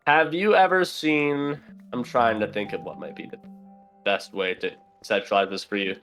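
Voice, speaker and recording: A man's voice: medium pitch, steady tone, moderate pace, fairly bright tone, faint music behind. A young man, a podcast guest, chatting casually and rambling with lots of fillers while playing a game. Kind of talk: casual chat while gaming.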